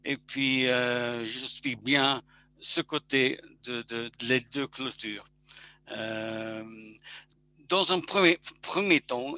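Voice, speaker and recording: A man speaks very slowly with a bright, forceful voice in a webinar presentation. He stops and restarts his sentences often, searching for words. His pitch sits in the middle range for a man. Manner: halting, many restarts. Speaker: engineer presenting certification.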